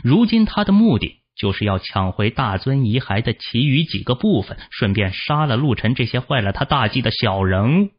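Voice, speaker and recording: A man narrating a fantasy novel as an audiobook, with expressive storytelling, in a dull lo-fi recording. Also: mid-range voice, moderate pace, few pauses.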